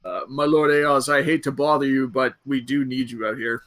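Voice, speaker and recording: A man's voice: mid-range voice, little pitch movement, moderate pace, fairly bright tone, no room sound, natural voice. A man voicing a nervous, deferential male soldier who speaks hesitantly and apologetically to his lord.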